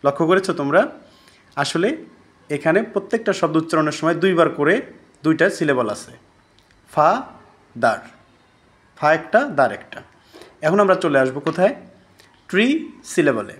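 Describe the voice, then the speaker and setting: Male teacher, slightly high voice, recorded lesson, asks and answers his own questions. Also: a little fast, pauses often. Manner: asks students questions and answers them himself.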